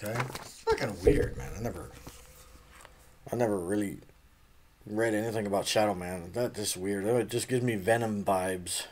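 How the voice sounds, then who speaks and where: A man's voice: on the low side, normal speed, long pauses, background noise. A man casually unboxing comics, rambling, trailing off and swearing offhandedly. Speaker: comic unboxing channel host.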